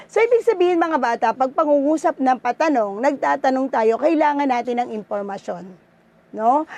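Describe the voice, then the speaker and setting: Woman, Filipino accent, teacher, high voice, coaxing tone, lesson. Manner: coaxing, checks with "no?" and "okay?". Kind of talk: online class lesson.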